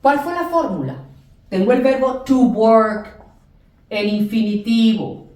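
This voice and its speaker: A woman English teacher explaining grammar in a classroom lesson, repeating examples slowly and lifting her voice on the English words. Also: fairly high pitch, a little mellow. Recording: echoey room, distant mic.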